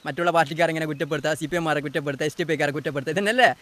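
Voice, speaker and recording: Man, reaction host, very rapid sarcastic rant, high voice. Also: fairly bright tone. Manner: sarcastic, teasing, rapid-fire ranting. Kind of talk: mocking political commentary.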